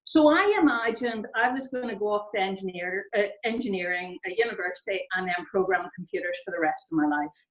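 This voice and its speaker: A woman's voice: medium pitch, a little fast, hardly any pauses, roomy sound, rough recording. A woman in her fifties from Northern Ireland with a Northern Irish accent, speaking on a video call and giving an informal, chatty, self-deprecating talk to students as an engineer on a panel. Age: 50s.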